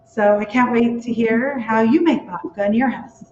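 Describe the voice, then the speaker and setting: A woman's voice: fairly high pitch, normal speed, a little mellow, slight background noise. Patient woman teaching braiding, echoey room. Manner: patient, explaining each step. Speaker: baking instructor. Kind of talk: step-by-step demonstration. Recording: echoey room with dull lo-fi sound.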